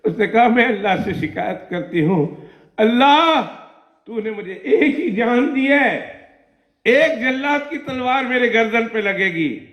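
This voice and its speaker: A man's voice: sits high, creaky, hardly any pauses, pitched above the performer's own voice. A man voicing a devout condemned servant woman who pleads impassioned prayers, in an echoey mosque hall.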